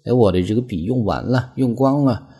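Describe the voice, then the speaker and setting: A man teaching English phrases as a lesson, explaining patiently and reading example sentences slowly. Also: mid-range voice, warm tone, breathy edge. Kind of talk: language lesson.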